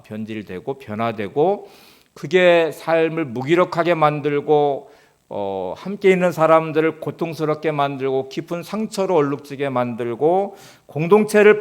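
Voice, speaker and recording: Man, pastor, sermon, calm explanatory preaching, rhetorical questions, somewhat high-pitched voice.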